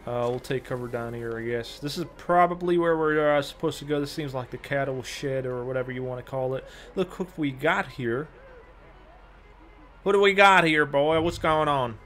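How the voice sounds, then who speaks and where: A man's voice: medium pitch, brisk, hardly any pauses, fairly bright tone, a little hiss or hum. A young man giving casual gameplay commentary, reading prompts aloud and joking around. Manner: reads on-screen prompts, loose and joking. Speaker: gaming channel host.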